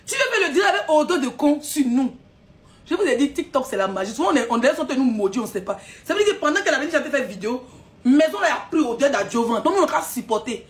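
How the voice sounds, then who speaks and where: A woman's voice: sits high, very animated, fast talker. A woman ranting on a live stream, scolding and mocking her audience with frequent laughs.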